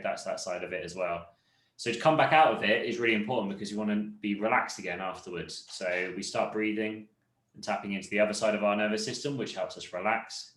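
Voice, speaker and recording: A man instructor guiding a seated fitness cool-down, explaining calmly and correcting himself as he goes. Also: on the low side, roomy sound, rough recording. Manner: calm, explanatory, self-correcting. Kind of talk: leading a seated cool-down class.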